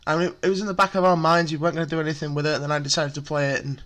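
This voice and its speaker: A man's voice: fairly high pitch, flat delivery, racing, fairly bright tone. A man casually walking through a card game deck, chatty and full of fillers, explaining step by step. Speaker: deck profile presenter.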